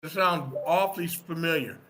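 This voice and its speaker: In a screenwriting critique workshop, a male participant offers opinionated feedback with a fairly high, bright, forceful voice at a moderate pace. He is emphatic and instructive, repeating his points to drive them home.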